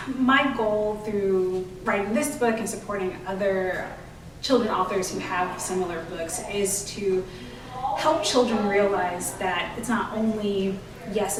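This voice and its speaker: Recorded from a distance in an echoing room with faint noise, a woman with a medium-pitched voice talks about her children's books. She is being interviewed and earnestly explains and promotes her work.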